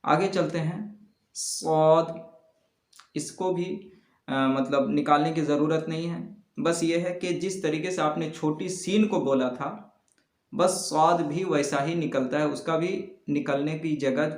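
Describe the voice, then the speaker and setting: A man teaching Quran letter pronunciation step by step, patiently repeating each sound slowly and loudly. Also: on the high side, fairly even intonation. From South Asia. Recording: echoey room.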